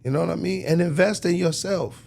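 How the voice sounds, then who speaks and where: He's on the high side, fairly quick, a little mellow, with some vocal fry: an American music industry executive giving advice as an interview guest. The tone is casual, emphatic and preachy, and he frequently checks in with tag questions.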